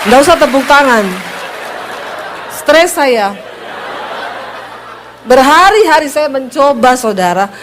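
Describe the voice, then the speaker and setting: A woman pastor with a Sulawesi accent, preaching a humorous sermon in a lively, joking way before a congregation in church. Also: sits high, slow, pauses often, crowd noise, background noise.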